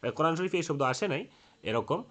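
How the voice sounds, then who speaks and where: Guy teaching recitation, quick talker, bit high voice, lots of ah fillers. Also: animated, a bit bright. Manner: explanatory, many "ah" fillers and restarts. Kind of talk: classroom lesson on recitation rules.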